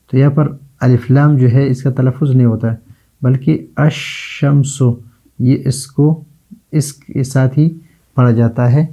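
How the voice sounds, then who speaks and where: A man teaching Arabic letters in a classroom lesson, slowly drawing out example words and answering his own questions. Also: mid-range voice, dark tone, low-quality recording. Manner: slow, drawn-out repetition of example words.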